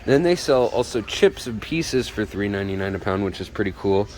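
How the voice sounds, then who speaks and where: A man in a face mask, which slightly muffles him, gives viewers a chatty walk-through of a pet shop as host of the tour video. His voice is fairly low and darkish, expressive and a little fast, over clear background noise from the store.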